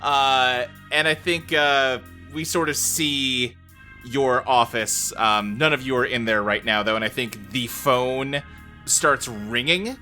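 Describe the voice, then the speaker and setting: Guy game master, bright voice, halting improvised narration, faint music behind. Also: mid-range voice. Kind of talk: casual tabletop roleplay narration.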